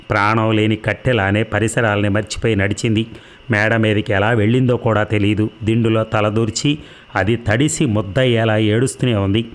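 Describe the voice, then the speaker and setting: A man narrating a novel in a steady storytelling manner. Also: on the low side. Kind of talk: audiobook novel reading.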